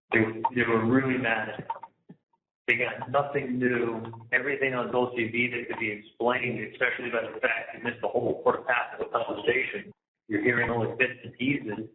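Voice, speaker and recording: Over a tinny, echoey prison phone line with background noise, a man speaks to his mother through the handset, agitated and indignant, swearing and repeating himself. His voice is mid-range.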